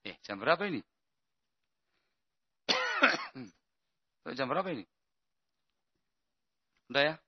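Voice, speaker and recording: A man's voice: fairly high pitch, wildly swooping pitch, slow, long pauses, slightly rough. A man preaching an Islamic lesson in a conversational way, often checking that listeners understand. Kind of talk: religious lesson with Q&A. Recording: muffled lo-fi lecture recording.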